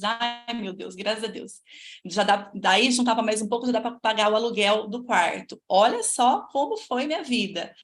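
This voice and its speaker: A woman in her forties with a Brazilian Portuguese accent, hosting a live stream and telling her life story in a chatty, lively way, talking straight to her viewers. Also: mid-range voice. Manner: lively, chatty, speaks straight to viewers and reads their comments. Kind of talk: casual personal storytelling.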